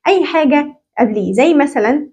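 A woman with an Egyptian accent giving a teacher-training English lesson. She asks questions and answers them herself, and repeats English words slowly. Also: sits high. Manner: animated, drawing out English words slowly for repetition.

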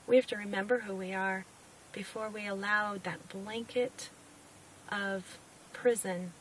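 A woman's voice: mid-range voice, steady tone, unhurried. A woman in her forties from Oregon talks earnestly and heartfelt in a personal vlog from a parked car, repeating phrases for emphasis. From Oregon, United States. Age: 40s. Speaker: weight-loss vlogger. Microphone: camera on the dashboard. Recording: slightly distant car mic with outside noise.

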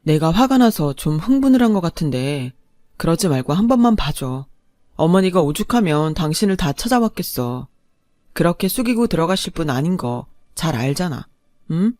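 A woman's voice: on the low side, very animated, moderate pace, a little mellow, dry recording. Brief: woman playing a hot-tempered ex-husband in a radio drama, scolding, dry close read. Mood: pleading. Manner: scolding, then begging. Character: angry ex-husband, adult man, blustering then pleading.

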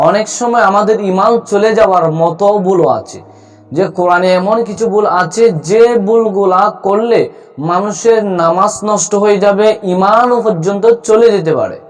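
A man teaching correct Quran recitation, explaining slowly and repeating letter sounds as a drill. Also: high voice. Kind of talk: spoken tutorial.

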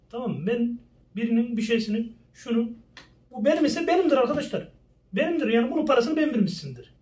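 A man's voice: very high-pitched, a little mellow, recorded from a distance. A man ranting angrily to his followers, firing off rhetorical questions and repeating himself. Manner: heated, repetitive, rhetorical questions. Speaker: social media personality. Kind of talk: angry personal rant to followers.

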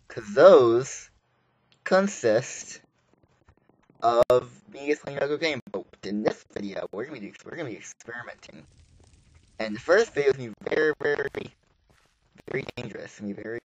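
Guy rambling over his game, jokey, keeps blurting out oh god, regular pitch. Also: slightly rough, rough recording. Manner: rambling, jokey, exclaims often. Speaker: gaming YouTuber. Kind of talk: casual gameplay commentary.

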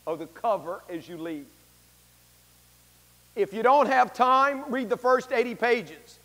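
Man, fifties, priest preaching a sermon, high voice, long church reverb. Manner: emphatic, swinging between loud declarations and hushed asides. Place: large church sanctuary, indoors.

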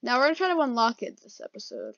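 A woman's voice: a little high, wildly swooping pitch, quick pace, fairly bright tone, a little hiss or hum. A woman giving casual gameplay commentary, her speech slightly altered by wearing dental retainers. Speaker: gamer hosting a playthrough. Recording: dull lo-fi mic, keyboard clicks.

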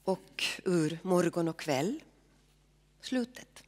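Woman reading prose aloud, measured and expressive, lowish voice. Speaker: reader.

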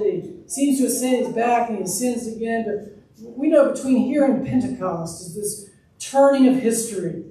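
A pastor in his thirties preaches an earnest, emphatic sermon from a pulpit, with open gestures. His voice is high-pitched yet dark and mellow in tone. A distant room mic captures him in a reverberant sanctuary, giving an echoey recording with faint ambience.

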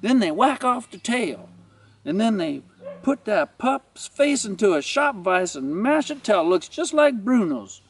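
A man's voice: sits high, very animated, unhurried, recorded from a distance, pitched above the performer's own voice, exaggerated voice. A man doing a cocky drawling ranch dog. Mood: taunting. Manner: drawling, mocking.

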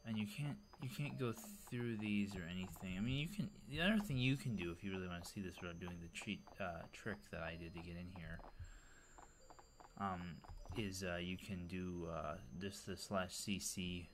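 Deep-voiced man rambling through a game tour. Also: normal speed, background noise. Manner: rambling, filler-heavy, enthusiastic. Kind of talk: casual gameplay commentary.

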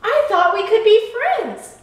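A woman's voice: very high-pitched, expressive, takes it slowly, dull audio, voice pushed up, heavily acted. A woman voicing an eager, earnest young male lighthouse in a storybook. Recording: echoey room from far off.

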